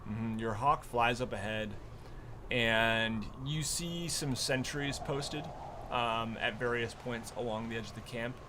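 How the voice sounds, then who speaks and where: A man improvising narration as game master of a tabletop game, often pausing mid-sentence. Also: mid-range voice, noisy background.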